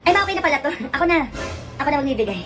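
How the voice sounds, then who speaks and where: Woman doing fast comedy skits, scolds a lot, music under it. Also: high voice, very animated. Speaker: comedy skit creator. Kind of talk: comic skits playing several family roles. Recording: skit clip with loud music behind.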